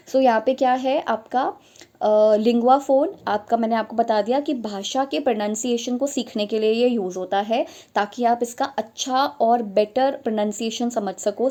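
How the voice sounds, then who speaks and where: Here a young adult woman gives a spoken exam-prep lesson for teachers, methodically explaining, circling back to her points, and slipping into English now and then. She speaks in a mellow, fairly high voice.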